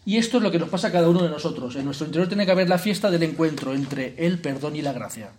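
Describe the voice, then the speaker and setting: A man's voice: fairly high pitch, expressive, quick pace, darkish tone. Chatty man leading a retreat. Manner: conversational, peppers sentences with "¿eh?" and "¿no?"; jokey asides. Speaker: retreat leader. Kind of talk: informal spiritual retreat talk.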